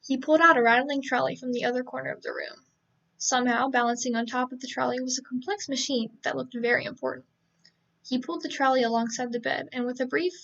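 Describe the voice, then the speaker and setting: A woman's voice: high voice, gravelly, a bit bright, dull audio. A woman reading a novel aloud on a casual live stream, stumbling, correcting herself and adding joking asides.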